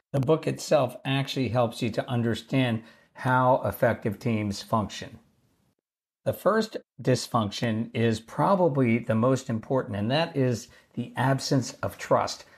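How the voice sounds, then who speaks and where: Man talking over a low-quality mic. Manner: calm, measured, explanatory delivery. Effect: lower-quality laptop mic instead of his usual studio mic. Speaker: podcast host. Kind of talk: solo podcast talk on leadership. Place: traveling, recording away from home. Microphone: basic mic normally used for video calls.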